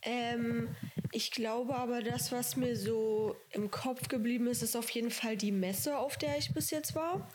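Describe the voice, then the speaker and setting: An eighteen-year-old woman talks with easy enthusiasm and casual slang. Her voice sits fairly high, with faint clicks and noise behind it. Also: a little slow. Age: young adult. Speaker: apprentice guest. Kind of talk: casual chat.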